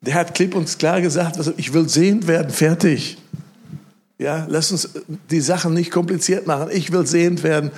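A male preacher giving a lively sermon, telling stories and acting out the voices of the people in them, often repeating phrases for emphasis. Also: a little high, moderate pace, husky. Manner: animated storytelling, acts out quoted voices loudly; emphatic repetition.

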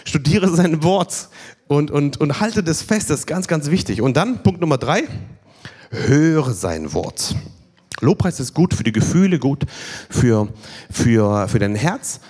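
Male preacher, lively swinging delivery, emphatic repetition, numbered points. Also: on the high side, a little slow, slightly rough. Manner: emphatic, repeats key phrases, counts points. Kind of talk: sermon at a healing evening.

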